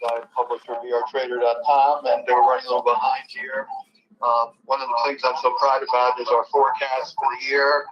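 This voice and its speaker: Man heard faintly through a phone held away from the mic, monotone. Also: mid-range voice, a crowd in the background. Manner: halting, with many fillers. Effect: voice relayed over a phone held away from the mic. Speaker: market analyst presenter. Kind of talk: webinar presentation. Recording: dull lo-fi phone relay.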